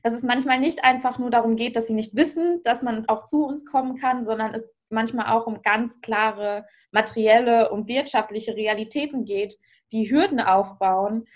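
A woman's voice: on the high side, moderate pace. A young woman speaking as a panelist on a video call, earnest and searching for words, restarting sentences as she goes. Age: young adult. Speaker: panelist, youth party board member. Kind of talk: panel discussion.

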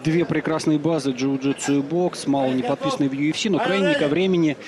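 A man giving live fight commentary over a very loud arena crowd. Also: on the high side, fast talker. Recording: loud crowd noise behind. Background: roaring arena crowd.

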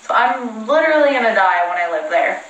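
A woman's voice: fairly high pitch, expressive, fairly quick, a bit bright, muffled recording. Young woman, casual livestream chat, rambling and self-mocking, phone mic, echoey room. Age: young adult. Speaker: livestream host. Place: indoors at home.

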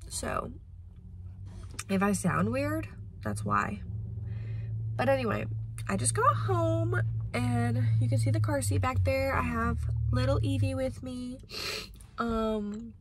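Chatting casually through a day-in-the-life vlog, this twenty-something woman has a stuffy nose from a cold and fills her talk with fillers. Her high voice swings widely in pitch, goes slowly with frequent pauses, and is recorded on a phone camera at arm's length, with slight background noise, moving from a car to her home.

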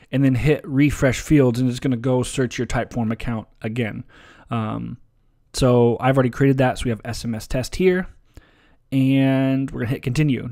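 A man presenting a relaxed, casual software tutorial over a screen recording, with frequent ums and uhs. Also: medium pitch. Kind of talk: screen-share software walkthrough.

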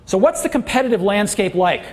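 A man's voice: high-pitched, expressive, fairly quick, darkish tone. A middle-aged man giving a product launch keynote on a large auditorium stage, with emphatic, enthusiastic salesmanship. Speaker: keynote presenter. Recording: long hall reverb, faint crowd.

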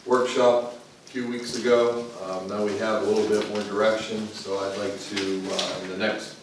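A man's voice: fairly low pitch, flat delivery, moderate pace. A man giving an upbeat finance committee update with fillers. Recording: echoey room from far off with noise.

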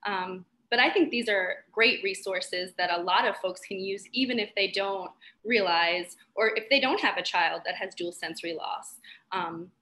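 A woman hosts a webinar over a video call, with a bright, sharp-edged tone. She talks in an upbeat, chatty way with frequent ums. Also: mid-range voice. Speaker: webinar host. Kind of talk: hosting an online training.

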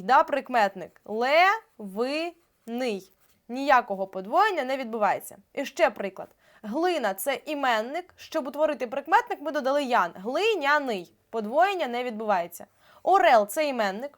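High-voiced woman teaching grammar. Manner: explains step by step, stretches out example words slowly. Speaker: Ukrainian language teacher. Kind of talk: exam-prep grammar lesson.

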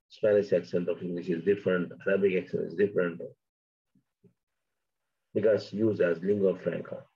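Urdu-speaking guy lecturing on linguistics, lowish voice, kinda muffled lo-fi audio. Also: warm tone, slightly rough. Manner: reads from notes, then explains in plain asides. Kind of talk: academic lecture.

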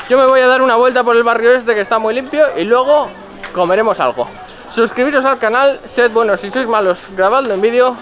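Thirties male travel vlogger, Spain Spanish accent, pitched high, casual swearing, recorded outdoors at arm's length. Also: a little fast, a crowd in the background. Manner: blunt, joking, swears casually. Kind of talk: casual travel tips to camera. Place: narrow outdoor city alleys. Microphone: handheld camera at arm's length.

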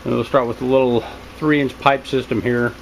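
A home hydroponics hobbyist narrates a casual, unscripted walkthrough tour of his small basement room from behind a handheld camera, plain-spoken and low-key. His gravelly voice moves at a moderate pace. The poor audio carries a steady loud hum and water noise.

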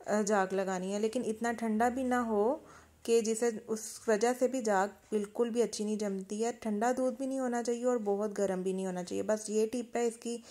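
A woman with a Pakistani Urdu accent hosts a cooking channel, walking through a home recipe one step at a time. Her voice is medium in pitch and warm, and she gives plain instructions along with kitchen tips.

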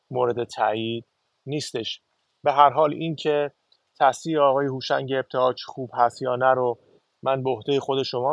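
A man hosting a spoken lesson on reading classical poetry, explaining in a measured way with occasional filler sounds. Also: medium pitch, dry recording. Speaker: channel host teaching poetry reading.

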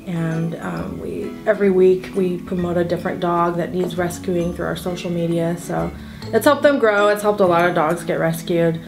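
A woman in her forties, an event co-founder, sits at a table indoors for a casual interview, upbeat and easygoing with frequent ums. Her voice is fairly low and steady at a moderate pace. A soft music bed plays underneath.

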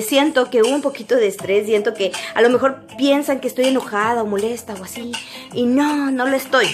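A woman from Mexico, chatting casually to her viewers and rambling, repeating words and using fillers. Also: a little high. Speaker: vlogger.

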